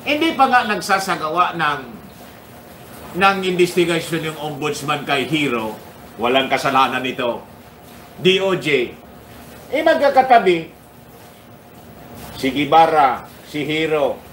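A man's voice: a little high, animated, unhurried, long pauses, a bit bright, recorded from a distance, slight background noise. A man hosting a casual political commentary livestream, chuckling often and greeting his viewers by name. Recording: echoey room.

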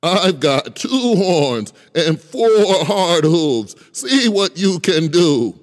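A man reading a storybook aloud, voicing the biggest billy goat in a loud, defiant voice. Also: sits high, very animated, drawn-out words, in a large hall, voice pushed up, full character voice. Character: big adult male billy goat, bold.

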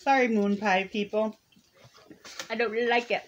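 A woman's voice: fairly high pitch, steady tone, unhurried, lo-fi sound, a little hiss or hum. A woman on a living room couch, reading product blurbs aloud and adding short, dry verdicts. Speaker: snack box reviewer. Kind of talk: casual taste-test chat.

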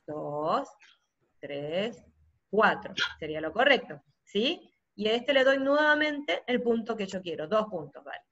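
A middle-aged woman, a teacher explaining software step by step on a live video call and often checking that her listeners follow. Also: mid-range voice, sing-song, measured pace. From Argentina. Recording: dull lo-fi video call audio.

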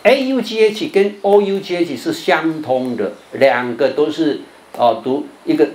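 An older man, a Buddhist monk, giving a televised lecture on English pronunciation. He explains patiently, ends many phrases with a drawn-out "哦" and stretches out the sounds he demonstrates. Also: fairly high pitch, darkish tone. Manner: patient explaining, sentence-final "哦" particles, drawn-out demo sounds. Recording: roomy echo, faint background noise.

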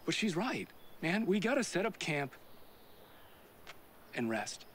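An actor with a high, fairly bright, sing-song voice speaks slowly in a full character voice as a level-headed young male hiker in a film. Out in the woods, he keeps the group calm, firm and reassuring but scolding bluntly. Slight background noise is audible.

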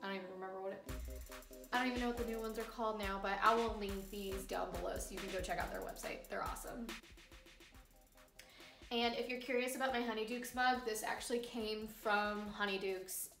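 A woman's voice: mid-range voice, steady tone, fairly quick. A young woman chatting casually in a home vlog, upbeat with fillers, in a small room. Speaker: vlogger. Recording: roomy home recording with soft background music.

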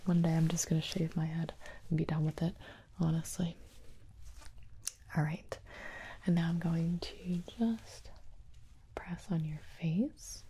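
A young woman performs a whispered role-play as a gentle, attentive doctor. Her soft, breathy whisper is very slow and mellow, calm and reassuring. It is recorded close, with a faint noise underneath. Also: low voice. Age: young adult. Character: calm, attentive female doctor examining a patient. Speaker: ASMR performer playing a doctor.

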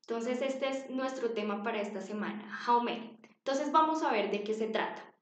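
A woman patiently teaches young children an English lesson, repeating words so they can copy them. Her voice is on the high side at a normal speed, captured in a dull, echoey home recording.

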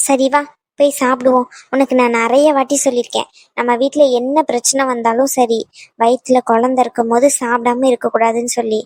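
A woman voicing a caring sister-in-law who reassures a young pregnant woman and gently urges her to eat. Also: a little high, flat delivery, a little fast, no room sound, close to an everyday voice. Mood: reassuring.

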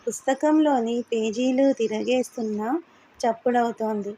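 A woman narrating a translated novel as an audiobook, in even, steady storytelling. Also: on the high side, measured pace, a little hiss or hum.

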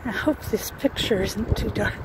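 An older woman vlogging casually while walking down a residential street, a little out of breath, chatting slowly and musing about what she sees. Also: mid-range voice. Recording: outdoor noise and passing cars.

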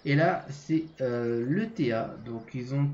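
A French gaming channel host gives casual walkthrough commentary on a game, hesitant and full of fillers, pauses and restarts, his nose stuffy from a cold. His medium-pitched voice is mellow and dark, captured on a home mic that sounds slightly roomy and dull with faint background noise.

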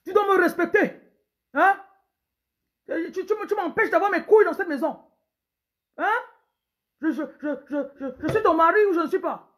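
A woman acting out a broke, bossy husband who shouts and stammers as he demands respect. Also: very high voice, normal speed, long pauses, pitched above the performer's own voice. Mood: indignant. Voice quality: loud, stammering, indignant.

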